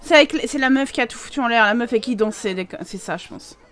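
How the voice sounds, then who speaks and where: Une joueuse bavarde à la voix aiguë. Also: female voice, a little high, racing. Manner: chatty and excitable, laughs often and exclaims. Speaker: gaming video host. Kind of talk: casual Let's Play commentary.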